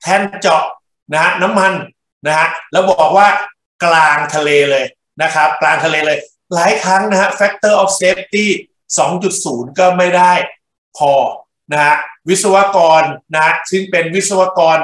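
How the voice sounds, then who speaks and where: A man's voice: sits high, a little slow, fairly bright tone. A male engineering lecturer working through problems in class, speaking in short bursts and checking in with his students. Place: lecture room. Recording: echoey classroom.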